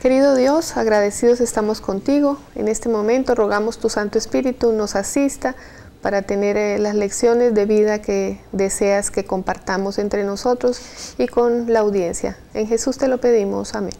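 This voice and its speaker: A woman's voice: mid-range voice, steady tone, creaky, dark tone, slight background noise. A woman from Colombia, a guest on a Bible study program, explaining carefully and often adding "¿no?". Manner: measured, explanatory, frequent "¿no?" tags. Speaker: guest, university staff. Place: TV studio.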